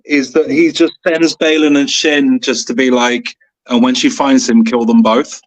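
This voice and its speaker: A man co-hosting a podcast in casual chat, a relaxed and wry storyteller. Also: medium pitch, normal speed, lo-fi sound. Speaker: podcast co-host.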